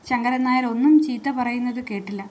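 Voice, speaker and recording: A woman narrates a novel aloud in a high voice. She tells the story in a calm, steady way. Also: a little fast.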